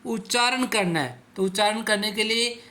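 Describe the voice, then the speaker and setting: A man's voice: high-pitched, normal speed, sharp tone. A male teacher explaining word meanings to school pupils, asking questions and answering them himself, and repeating words so pupils can say them along. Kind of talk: classroom explanation for school students.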